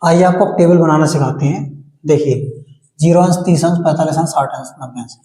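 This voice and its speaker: A man's voice: on the high side, brisk, warm tone. Echoey man teaching maths step by step. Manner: explains step by step, asks and answers his own questions. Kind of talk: classroom maths lesson.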